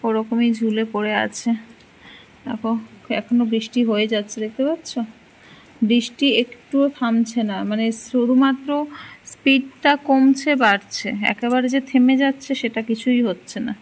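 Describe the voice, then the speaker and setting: Young female home vlogger, slightly high voice, easy casual delivery to viewers. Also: fairly even intonation, normal speed, rough recording. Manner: chatty, addresses viewers directly; speaks very softly while her child sleeps. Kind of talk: casual home vlog narration. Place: small home kitchen and rooms.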